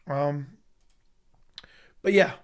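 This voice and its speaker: A young MMA YouTube host speaks directly to his stream viewers in a hoarse voice, since he's losing it, pitched slightly higher than most men's. Excitable and profane, he flips quickly between complaining and enthusiasm while reacting live to the news he reads. It feels like a casual home livestream recorded on a desk mic.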